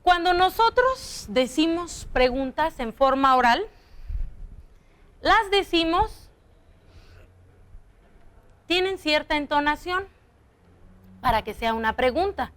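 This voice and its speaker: A young woman teaches young children in a televised lesson, her voice high and bright. She talks slowly and patiently, drawing out example sentences to show their intonation. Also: lively intonation. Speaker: primary school teacher.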